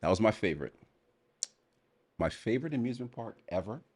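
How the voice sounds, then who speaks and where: A middle-aged man co-hosting a casual chat show, playful and quick to laugh. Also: on the low side. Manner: playful, animated, laughs often. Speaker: co-host.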